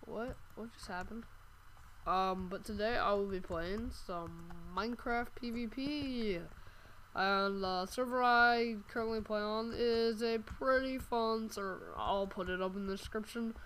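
A woman's voice: medium pitch, a bit bright, slight background noise, poor audio. A woman giving casual let's-play commentary, groggy from just waking up, rambling and offhand with casual swearing. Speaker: gameplay commentator.

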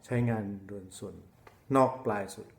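A man teaching flute basics step by step, patient and repeating key points with short check-ins. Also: normal speed. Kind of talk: step-by-step instrument lesson. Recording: roomy echo.

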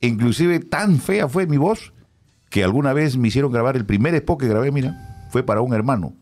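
A middle-aged radio announcer, telling stories in an animated, expressive way during a casual conversation. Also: male voice, mid-range voice, moderate pace, soft background music.

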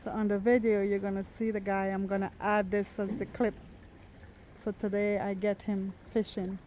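Filming her travel vlog on a seaside beach with rocks, this woman chats casually and eagerly, frequently exclaiming. Her mid-range voice is dark and level, at a normal speed. The handheld camera she holds picks up outdoor noise and water lapping.

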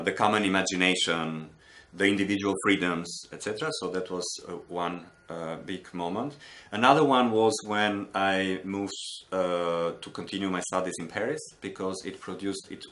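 A man from Albania with a low, bright and forceful voice, thinking aloud as he talks about his work. He halts often, restarting phrases and searching for words. He is seated in a book-lined room at home. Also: a little hiss or hum. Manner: thoughtful, halting, many restarts and fillers. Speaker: artist. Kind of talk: reflective interview monologue. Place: home studio with bookshelves, indoors.

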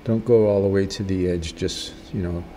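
An older man giving a casual watercolor tutorial as a gentle, encouraging, unhurried painting instructor. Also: low-pitched, steady tone, noisy background.

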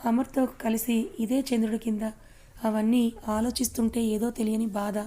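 A woman narrating a romance audio story as its storyteller, reading in an even, gentle way. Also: a little high, moderate pace.

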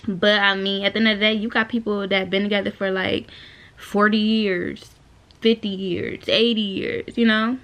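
A woman's voice: mid-range voice, flat delivery, moderate pace, fairly bright tone. A woman of twenty-one answering viewer questions in a casual vlog, talking loosely with lots of fillers, filmed at arm's length in a small bedroom. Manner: chatty, laid-back, lots of "like" and "you know". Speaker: vlogger. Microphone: camera at arm's length.

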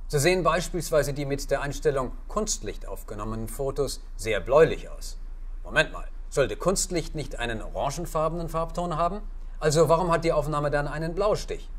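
A man narrating a scripted camera tutorial, giving formal, polite step-by-step instructions. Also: mid-range voice. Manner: formal, addresses listener politely.

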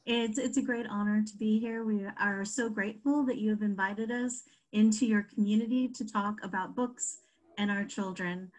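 Woman author, gracious, measured, formal greeting, video call. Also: mid-range voice, fairly even intonation, rough recording. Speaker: author and editor.

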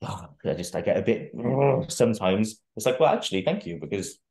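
Speaking low with big swings in pitch, the young adult fitness coach keeps a normal pace and a dark tone as he rambles through a casual video-call interview as a guest. He restarts his thoughts and lets the odd swear word slip, and his bare home room gives off a lot of echo.

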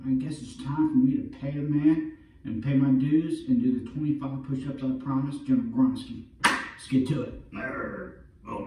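Mellow man vlogging in a very echoey room. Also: medium pitch. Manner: informal, peppers talk with "look" and "all right". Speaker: vlogger and veterans' awareness campaigner. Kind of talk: casual talk to camera. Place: empty carpeted room indoors. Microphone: far camera. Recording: roomy echo, distant camera mic.

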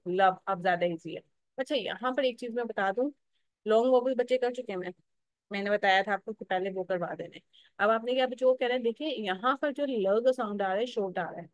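A woman's voice: medium pitch, no room sound, highs cut off. Woman teaching phonics, dry close sound. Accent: Pakistani Urdu. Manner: explanatory, checks in with "theek hai" often; drawn-out sounding of syllables. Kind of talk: teacher-training lesson.

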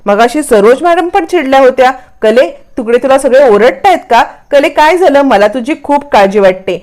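A woman's voice: high voice, expressive, moderate pace, a little mellow. A woman voicing a worried, caring mother who asks anxious questions over the phone.

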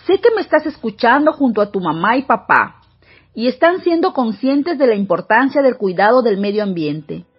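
A Peruvian woman teacher giving a radio school lesson, explaining clearly to students listening at home. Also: a little high, big pitch swings, moderate pace. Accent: Peruvian Spanish. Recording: dull lo-fi broadcast with soft music.

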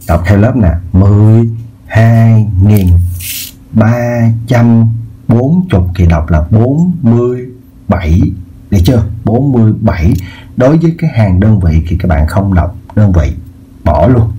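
A man's voice: sits low, mellow, slightly rough. A man teaching a math lesson in a casual way, often repeating words and checking in with his viewers. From southern Vietnam. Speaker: math tutor. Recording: faint background noise.

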